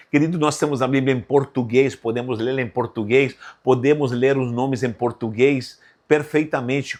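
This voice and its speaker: A man from Brazil teaching a Bible lesson informally, emphatic and direct, often calling the viewer "dear". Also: mid-range voice. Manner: animated, emphatic, addresses viewer as "querido".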